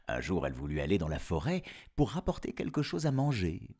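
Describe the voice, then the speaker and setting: A man's voice: deep voice, huge pitch swings, a little fast, gravelly, darkish tone, slightly rough. A man narrating a fairy tale in a playful way, breaking off for wisecracking asides. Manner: playful, wisecracking, laughs at own puns. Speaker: storyteller. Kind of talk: storybook narration with comic asides.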